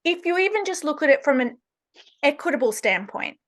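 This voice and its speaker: A woman's voice: high voice, lively intonation, brisk, fairly bright tone. A woman hosting an interview podcast, asking questions and explaining her points emphatically. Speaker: podcast host.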